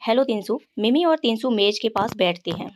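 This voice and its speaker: A woman's voice: fairly high pitch, lively intonation, normal speed, background noise. A woman teacher reading a textbook story aloud, repeating lines and explaining idioms for pupils.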